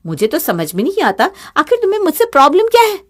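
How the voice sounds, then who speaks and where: A woman voicing an overworked, resentful young daughter-in-law in an animated story, speaking sharply and sarcastically. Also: fairly high pitch, moderate pace.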